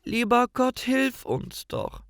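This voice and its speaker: A man's voice: very high-pitched, sing-song, slow, fairly bright tone, no room sound, studio quality, voice pushed up, heavily acted. A man voicing a frightened little girl in a raised, pleading voice.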